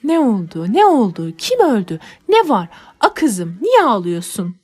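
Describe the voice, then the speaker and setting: A woman's voice: a little high, sing-song, normal speed, darkish tone. Woman playing an old nanny, fussy, motherly, exclaiming, storybook. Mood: fussing.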